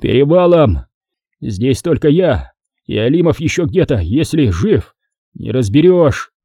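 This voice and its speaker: A gruff sergeant-major, wounded and hoarse, grumbling through the pain, as a man puts him on. The voice is dark and raspy, lifted a little above the narrator's own. It is a dry, close reading. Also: medium pitch, sing-song, a little slow, dry recording, exaggerated voice.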